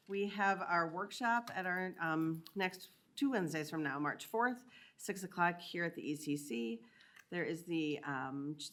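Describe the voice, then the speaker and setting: A woman chairing a school board meeting, running the votes and reading calendar dates in a brisk, businesslike way. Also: fairly low pitch, a bit bright. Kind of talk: meeting procedure and announcements.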